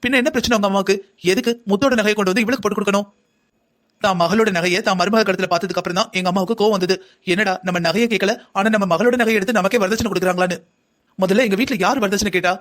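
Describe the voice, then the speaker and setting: A man's voice: sits high, steady tone, rapid-fire, a bit bright. A man voicing a family quarrel in a cartoon drama, talking in a heated, argumentative way. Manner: heated, argumentative back-and-forth. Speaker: cartoon voice actor playing a whole family.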